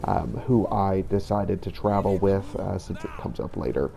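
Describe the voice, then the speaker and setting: A gaming channel host with a deep, creaky, warm voice speaks at a moderate pace, casually introducing and explaining a playthrough. His delivery is somewhat hesitant, and there's noticeable background noise.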